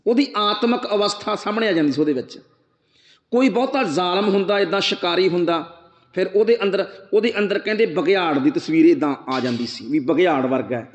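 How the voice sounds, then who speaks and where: A man giving a sermon, explaining scripture line by line, asking rhetorical questions, reciting verse slowly and speaking straight to his listeners. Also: high-pitched. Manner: addresses listeners directly. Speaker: preacher. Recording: echoey hall, dull lo-fi sound.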